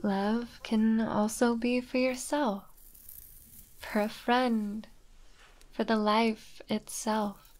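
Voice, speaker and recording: A woman voicing a gentle witch matchmaker in an ASMR roleplay, speaking in a calm, soothing whisper. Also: a little high, very slow, long pauses.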